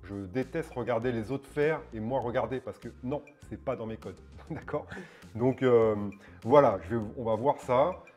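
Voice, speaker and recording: A middle-aged man explains things casually to his viewers, his voice at an ordinary pitch. He hesitates often, restarts his sentences and keeps checking that they follow. Faint music plays behind him. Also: normal speed, a little mellow. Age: 40s. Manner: hesitant, many fillers and restarts, keeps asking "d'accord?". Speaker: fitness channel host. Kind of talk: casual explanatory video talk.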